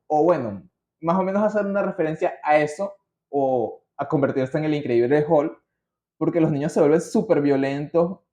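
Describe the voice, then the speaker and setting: With a warm tone and fairly high pitch, a man with a Venezuelan accent runs a podcast, telling things from his notes in a relaxed, slang-heavy, rambling way. The recording comes across muffled and roomy.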